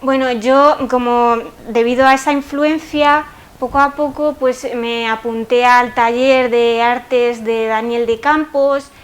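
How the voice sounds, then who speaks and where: Hesitant young woman artist, slightly high. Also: fairly even intonation, slow, few pauses. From Spain. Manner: hesitant, with many fillers. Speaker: artist guest. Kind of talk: interview answers.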